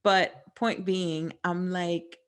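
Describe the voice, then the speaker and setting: Young adult woman, podcast co-host, slightly low voice, animated storyteller who laughs a lot. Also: takes it slowly, smooth. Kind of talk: casual chat.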